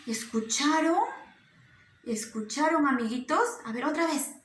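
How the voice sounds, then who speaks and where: A woman giving a slow, coaxing lesson to small children, asking them questions again and again in a sing-song way. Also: high-pitched, big pitch swings, background noise. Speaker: preschool teacher. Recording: roomy echo.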